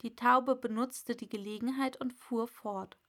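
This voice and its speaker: A woman narrating a storybook aloud in an unhurried, expressive reading. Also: a little high. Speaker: audiobook narrator.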